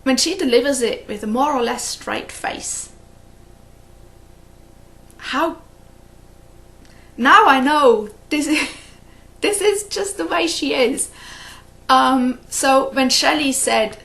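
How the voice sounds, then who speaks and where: Her voice is high, expressive, gravelly, and a bit bright, and she speaks slowly with frequent pauses. A native English-speaking flosstube host, she chats casually to the camera in a cross-stitch video, rambling and laughing often at her own stories.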